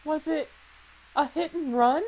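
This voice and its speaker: A woman's voice: high voice, measured pace, a little mellow, slight background noise, pitched above the performer's own voice, low-quality recording. A woman voicing an anxious, polite teenage schoolgirl, reading horror game dialogue in an earnest, flustered way. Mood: alarmed.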